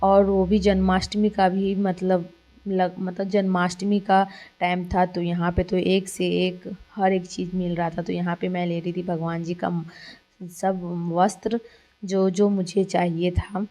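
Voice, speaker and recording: A young woman narrates her family vlog as a casual voice-over. Her voice sits low and mellow with a flat, even delivery. She rambles on in a chatty way, with plenty of fillers. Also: unhurried. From Kolkata, India. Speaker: vlogger.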